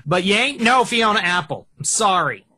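A man co-hosting a casual music review show, talking in an animated, joking way into a headset mic. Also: high voice, moderate pace, breathy edge. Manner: animated, joking, breaks into song snippets and shouts. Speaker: podcast co-host reviewing music. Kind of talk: casual chat.

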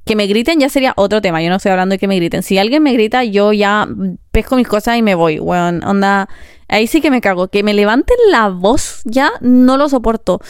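A young woman with a Chilean Spanish accent, ranting casually in a vlog, swearing freely and talking in quick bursts broken by pauses. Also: mid-range voice, expressive, clear, resonant tone, no room sound, clean studio sound. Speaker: vlogger.

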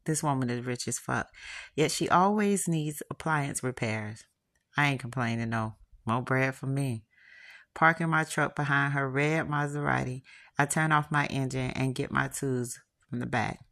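A woman casually reading her own first-person erotic story, frank and unhurried. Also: rumbling low, fairly bright tone. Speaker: author and podcast host reading her book.

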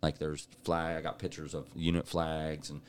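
Very deep-voiced man telling stories. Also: normal speed, slight background noise. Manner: animated storyteller, laughs often. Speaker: podcast co-host. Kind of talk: casual chat.

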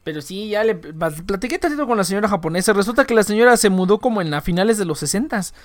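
A woman's voice: medium pitch, expressive, fast talker. A woman with a Mexican accent, live streaming and chatting casually to her viewers in a rambling, slangy, profane way. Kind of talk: casual chat.

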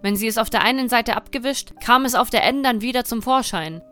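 A woman reads a dark fairy tale in a measured, dramatic way. Her voice sits fairly high, and soft music plays quietly under the narration. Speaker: storyteller.

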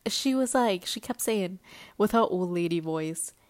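A woman's voice: on the low side, measured pace. A woman hosting a casual solo podcast, rambling and giggly, with lots of fillers. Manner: rambling and chatty, heavy with fillers; giggly and excitable. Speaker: podcast host.

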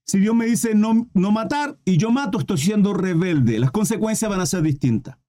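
A man's voice: high voice, expressive, fairly quick, warm tone. A man preaching a sermon, calling his listeners brothers and asking them rhetorical questions.

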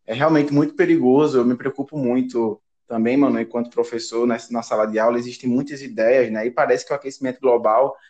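A man's voice: medium pitch, fairly even intonation, fast talker, hardly any pauses, a little mellow, muffled recording. Teacherly Brazilian man explaining. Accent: Brazilian Portuguese. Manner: explanatory, teacherly, checking in with tag questions. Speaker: teacher and podcast host. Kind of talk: educational podcast discussion.

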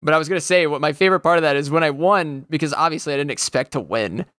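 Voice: mid-range voice, very fast, no echo, clean studio sound. A young adult podcast co-host chatting casually, rambling and swearing often. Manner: rambling, swears a lot, breaks into loud goofy impressions. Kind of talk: casual chat.

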